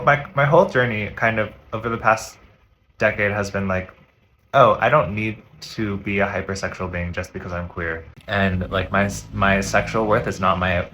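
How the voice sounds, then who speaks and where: A man's voice: fairly low pitch, sharp tone, slight background noise, poor audio. A young man vlogging casually from home while lying down to stretch, talking in a rambling, upbeat way with a slight lisp from his retainers. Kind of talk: casual chatty vlog talk.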